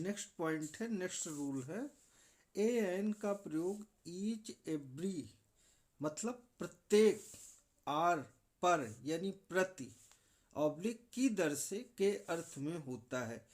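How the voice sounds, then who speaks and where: A man's voice: high voice, darkish tone. A man with a Hindi accent explaining English grammar in a classroom lecture style, repeating key points. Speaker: English teacher.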